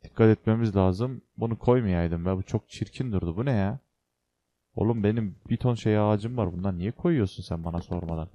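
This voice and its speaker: A man's voice: on the low side, a little fast, mellow, lo-fi sound. Chatty young man narrating a game. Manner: chatty, talks to viewers and the game, jokey exclamations. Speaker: gaming channel host. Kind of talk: casual Minecraft let's play commentary.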